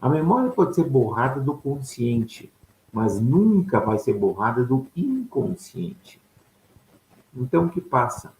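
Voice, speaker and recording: Asking himself questions and answering them while often checking in with listeners, a man delivers an explanatory ufology lecture. His mid-range, dark voice swings widely in pitch at a measured pace, and the room is echoey with faint noise.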